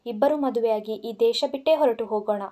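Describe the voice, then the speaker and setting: A woman's voice: fairly high pitch, fast talker, warm tone, natural voice. A woman voicing a scheming, spiteful young woman in an audio story, talking in a gushing then catty way. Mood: thrilled.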